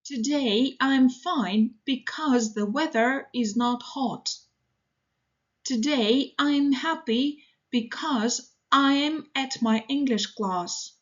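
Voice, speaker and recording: Woman English teacher with a high voice, reading example phrases slowly and steadily for learners. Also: lo-fi sound. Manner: slow, deliberate, evenly paced reading. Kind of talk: reading model sentences for learners.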